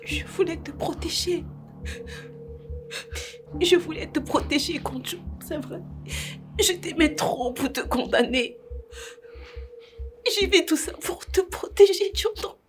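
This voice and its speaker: A woman's voice: extremely high pitch, slow, pauses often, over music. A woman with a Cameroonian French accent playing a distraught young woman, tearful and pleading, in a web-series drama. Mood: hurt, subdued. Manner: tearful, pleading, breaking into sobs.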